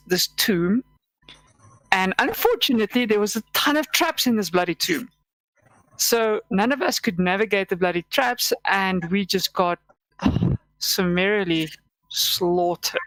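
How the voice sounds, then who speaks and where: A South African woman telling a funny tabletop game story in a casual, animated way on a podcast. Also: fairly low pitch, no room sound, rough recording. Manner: animated, acts out quotes. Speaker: podcast guest.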